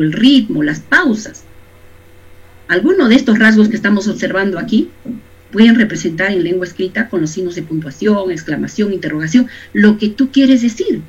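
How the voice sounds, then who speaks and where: A teacher giving a recorded lesson to young people, asking rhetorical questions and acting out little examples in a lively way. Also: mid-range voice, husky, dull audio.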